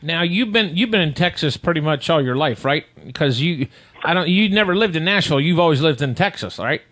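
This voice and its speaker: Guy interviewing someone, kinda high voice, relaxed and chatty. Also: fairly quick. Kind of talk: casual interview talk.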